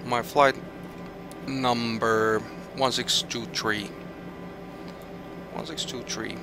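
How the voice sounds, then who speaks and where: A Finnish man streams a flight simulator with music in the background, thinking aloud in a Finnish accent and reading out weather and route figures with hesitant restarts. His medium-pitched voice stays steady, and he draws out his words.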